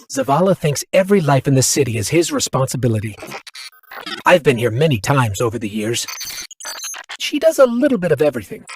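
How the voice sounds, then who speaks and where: A male actor with a fairly high voice and some vocal fry plays a small robot companion in scripted game dialogue. He sounds friendly, upbeat, chatty and helpful as he guides a newcomer.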